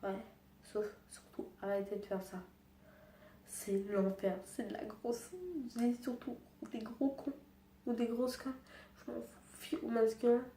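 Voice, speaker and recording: A young woman speaking quietly and hesitantly in a personal vlog, subdued and sad, with halting, restarting sentences. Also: mid-range voice, echoey room, far from the mic, a little hiss or hum. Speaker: vlogger.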